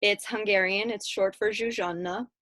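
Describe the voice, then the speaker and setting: A woman in her thirties from Chicago telling her life story in a relaxed, chatty way, with frequent ums and little laughs. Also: medium pitch, normal speed, no room sound. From Chicago, United States. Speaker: guest speaker. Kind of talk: casual personal storytelling.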